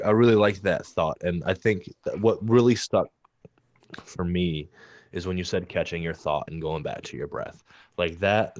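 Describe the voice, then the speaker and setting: A man's voice: low voice, dry recording, dull audio. A man co-hosting a podcast, talking in an earnest, rambling way with frequent swearing. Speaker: podcast co-host. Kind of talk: casual chat.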